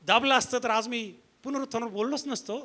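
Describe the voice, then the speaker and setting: Male pastor, very high and piercing voice, emphatic call-and-response sermon to a congregation. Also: quick pace, sharp tone. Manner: emphatic, rhetorical questions to the congregation. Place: church before a congregation.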